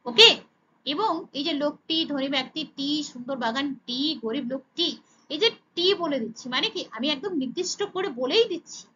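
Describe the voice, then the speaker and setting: Bengali-accented woman teacher, high bright voice, self-answering questions, dull lo-fi sound. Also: animated, a little fast, a little hiss or hum. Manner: asks and answers her own questions, says "okay" often. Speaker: English teacher for children. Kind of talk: explaining grammar lesson.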